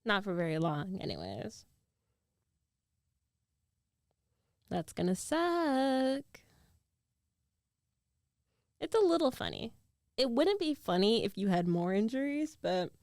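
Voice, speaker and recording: This intimate ASMR roleplay has a woman voicing a young ex-girlfriend who is worried about the listener but teases them, her words soft and halting against a close microphone. She uses a fairly high, sing-song, fully in-character voice with no room sound, sounding wry and playful.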